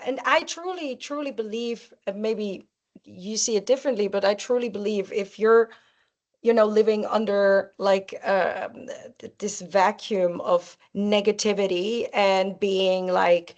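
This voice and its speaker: A woman's voice: medium pitch, steady tone, unhurried, darkish tone, dull audio. A woman talking casually about true crime, hesitant and repeating phrases for emphasis.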